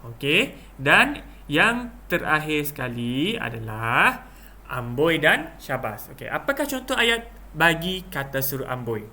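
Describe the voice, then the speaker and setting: A man's voice: a little high, sing-song, unhurried, bright, forceful tone. A young man with a Malaysian Malay accent teaching a lesson, acting out examples with exaggerated intonation and many fillers. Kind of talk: classroom lesson explanation.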